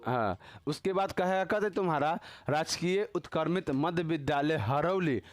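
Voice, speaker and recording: A man's voice: on the high side, normal speed, no echo. A man teaching a casual grammar class, teasing and quizzing his students with constant tag questions.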